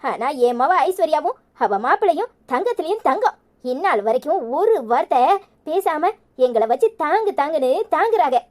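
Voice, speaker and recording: A woman voicing a fierce scolding Tirunelveli village mother. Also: normal speed. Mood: bitter. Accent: Tirunelveli Tamil. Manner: sharp-tongued, cursing, lively pitch. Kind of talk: cartoon voice acting.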